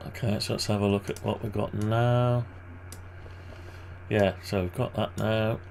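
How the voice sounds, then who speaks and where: A man with a groggy, gravelly morning voice and vocal fry endings, giving casual, hesitant think-aloud commentary on his screen work. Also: fairly low pitch, flat delivery, unhurried, a little mellow, a little hiss or hum. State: groggy morning voice, clearing throat. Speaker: maker narrating a design tutorial.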